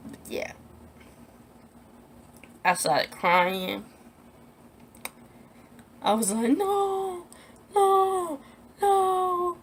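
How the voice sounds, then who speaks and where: A young woman telling a personal story in a storytime vlog, animated and emphatic, acting out what people said in a raised voice and repeating herself when upset. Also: fairly low pitch, vocal fry, slight background noise. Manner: animated, acts out quoted lines in a raised voice.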